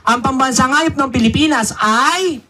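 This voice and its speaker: A man's voice: very high voice, normal speed, sharp tone, a little hiss or hum. A man performing a ventriloquist comedy act for children, playing the exasperated straight man to his puppet. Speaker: ventriloquist entertainer.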